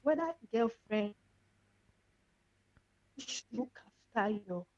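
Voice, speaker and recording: Woman calling in from africa, phone line cutting out, husky and muffled, dry sound. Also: on the high side, animated, a little mellow, no room sound. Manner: halting, trails off mid-sentence. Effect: bad phone line breaking up. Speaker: radio call-in caller. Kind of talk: casual call-in chat.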